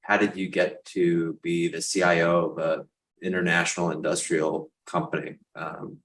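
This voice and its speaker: A man with a very low, deep voice hosting a podcast interview. He talks in an upbeat, affirming way as he steers the conversation. The room around him sounds echoey. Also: flat delivery, moderate pace, fairly bright tone. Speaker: podcast host.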